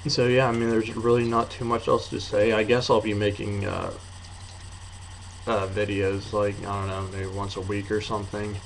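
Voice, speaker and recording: A young man of eighteen talks in a low, very flat voice, slightly muffled by a lip full of dip. He rambles casually and hesitantly, as in a homemade review. The room recording has audible noise behind him. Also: moderate pace. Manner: low-key, hesitant, offhand. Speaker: amateur video reviewer. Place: apartment bedroom. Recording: noisy room sound.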